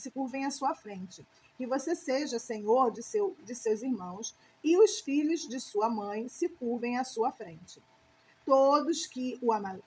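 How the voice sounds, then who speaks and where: Solemn old father figure, high voice from a woman reading it aloud. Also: slightly rough, full character voice.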